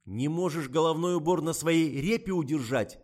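A man voicing a loud, excitable male film director in an audiobook, shouting orders and stretching out his exclamations. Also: medium pitch, a little slow, voice pushed up, lightly acted. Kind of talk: audiobook character voice.

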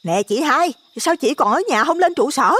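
A man's voice: very high-pitched, lively intonation, moderate pace, a bit bright, voice pushed up. A man with a Southern Vietnamese accent voicing a flustered, gossipy middle-aged village neighbor woman who stammers and repeats words in a rush. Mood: urgent.

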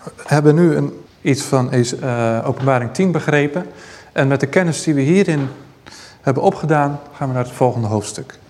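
A man's voice: medium pitch, normal speed, a little mellow, big-room sound. A man giving a sermon as a preacher, teaching scripture and reading passages aloud with rising emphasis.

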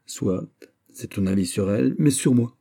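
A male reader voicing a vain, excitable young prince in an audiobook. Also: fairly low pitch, moderate pace, creaky, slightly rough. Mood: petulant. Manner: fussy, excitable, self-admiring. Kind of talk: audiobook character reading.

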